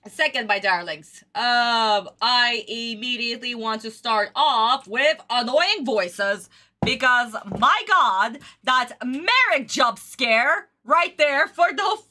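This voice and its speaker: A woman's voice: fairly high pitch, lively intonation, slow, sharp tone. A woman doing casual livestream reaction chat, effusive and theatrical, full of endearments. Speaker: streamer reacting to anime.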